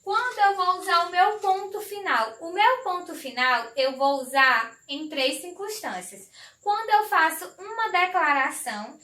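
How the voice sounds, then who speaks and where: A woman teacher with a very high, bright voice gives an online grammar lesson. She speaks slowly and affectionately, explaining each point carefully and repeating herself. The recording sounds echoey, as if made in a bare room.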